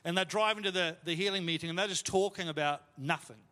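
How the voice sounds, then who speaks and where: A pastor delivers a sermon as a string of stories, speaking quickly in a relaxed, conversational way, stumbling through fillers and teasing himself. His voice is a little higher than most men's, and a long reverb trails each phrase like in a large church hall.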